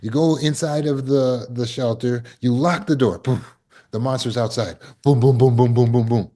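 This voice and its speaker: A man's voice: medium pitch, moderate pace, mellow. A man giving a conversational self-help talk as a trauma recovery coach, acting out scenes and quotes as he goes.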